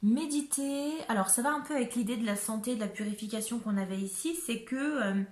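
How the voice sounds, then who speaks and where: A woman's voice: fairly high pitch, fast, darkish tone, roomy sound. A woman giving a casual tarot card reading to camera in a chatty, hesitant way, with lots of fillers and frequent check-ins with her viewers.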